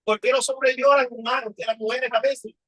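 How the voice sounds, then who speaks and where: A man's voice: extremely high pitch, level tone, normal speed, a bit bright, no room sound, low-quality recording. A man preaching a personal testimony sermon, telling his story with emotion and asking rhetorical questions.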